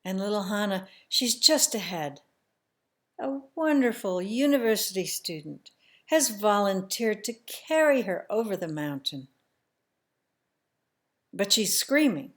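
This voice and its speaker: A woman telling a family story in the first person, slow and emotional, sometimes dropping to a hushed near-whisper. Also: medium pitch, big pitch swings.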